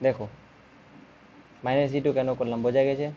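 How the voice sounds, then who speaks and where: A man's voice: medium pitch, little pitch movement, a little fast, lo-fi sound, slight background noise. A man with a Bengali accent teaching a physics lesson, patiently explaining step by step.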